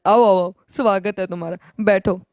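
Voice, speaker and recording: A woman's voice: medium pitch, fairly even intonation, moderate pace, darkish tone, no echo, clean studio sound, close to an everyday voice. A woman voicing an eager, welcoming young husband who hurries along and repeats his words.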